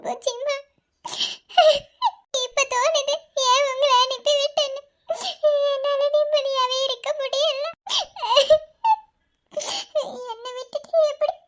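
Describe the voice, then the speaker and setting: A woman voicing a tearful, clingy young bride in a cartoon, sobbing and pleading in a high, strained voice. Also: fairly bright tone.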